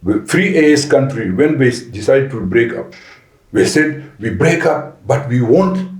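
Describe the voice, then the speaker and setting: Deliberate man, roomy echo. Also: mid-range voice, animated, darkish tone. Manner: deliberate with frequent restarts and fillers. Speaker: panel guest. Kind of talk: podcast panel discussion. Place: conference venue.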